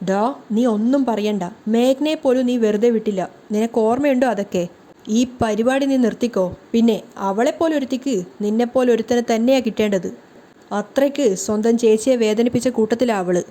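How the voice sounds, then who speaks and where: Woman doing angry sarcastic young guy from a serial recap, mellow tone. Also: on the high side, a little fast, natural voice. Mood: scolding. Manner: sarcastic, scolding. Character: angry scolding young man, Kiran.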